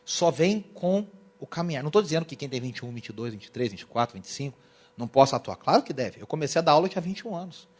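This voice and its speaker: A young man from Brazil giving a lively church lecture on worship, telling stories and acting out quotes. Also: on the high side, very fast. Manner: animated, storytelling, acts out quotes. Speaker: worship teacher. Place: church hall.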